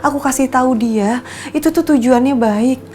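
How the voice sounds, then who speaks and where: A woman's voice: high voice, normal speed, darkish tone, slight background noise, lightly acted. Woman playing an earnest, wronged young wife. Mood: defensive. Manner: earnest, defensive, exasperated. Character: patient young wife defending herself. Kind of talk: TV soap acting.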